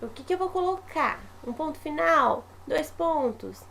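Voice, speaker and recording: A woman teacher, patiently walking young pupils through a remote lesson step by step with lively examples. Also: high-pitched, measured pace, vocal fry, slight background noise.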